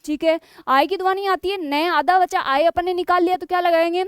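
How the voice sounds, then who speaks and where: A woman's voice: extremely high pitch, steady tone, brisk, no echo, clean studio sound. A woman teaching a Hindi grammar lesson for exam preparation. She keeps asking her students questions and then answers them herself.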